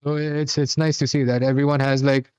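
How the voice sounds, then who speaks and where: A man's voice: on the high side, level tone, fairly quick, a little mellow, clean tone, highs cut off. A man co-hosting a podcast, recapping a TV episode in a rambling, casual chat full of fillers and restarts. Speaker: podcast co-host.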